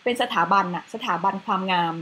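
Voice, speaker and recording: A woman's voice: quick pace, pushed and bright, slight background noise, rough recording. A woman presenting a facial cleanser in a chatty, casual way with slides, adding polite particles to most phrases.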